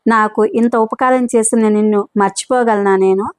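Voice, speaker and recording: A woman voicing a kind, gentle older gentleman who speaks with concern. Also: mid-range voice, steady tone, normal speed, no echo, clean studio sound, close to an everyday voice.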